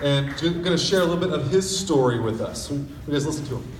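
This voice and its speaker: A man's voice: a little high, expressive, quick pace. A man introducing the speaker to students and telling them to listen. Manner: brief, instructing the students. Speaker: staff member introducing the speaker. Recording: far from mic, echoey hall, crowd noise.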